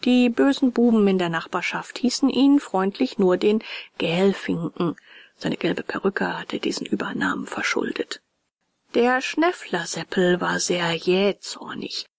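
A woman reading a children's fairy tale aloud in a hushed, half-whispered way. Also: mid-range voice, a little slow, vocal fry, dry recording, studio quality. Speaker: narrator. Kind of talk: storybook reading.

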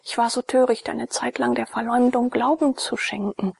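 A woman voicing a tender, gentle noble young woman in an audiobook, with a breathy voice. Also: fairly high pitch, steady tone, normal speed, voice pushed up, heavily acted.

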